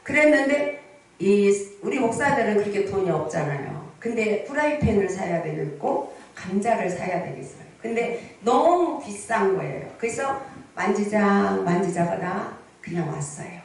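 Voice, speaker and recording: A woman's voice: mid-range voice, animated, normal speed. A woman in her sixties preaching a sermon as pastor, telling stories and asking the congregation questions. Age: 60s. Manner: storytelling sermon with frequent rhetorical questions to the congregation. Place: large prayer hall. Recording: echoey hall, voice from the mic's distance.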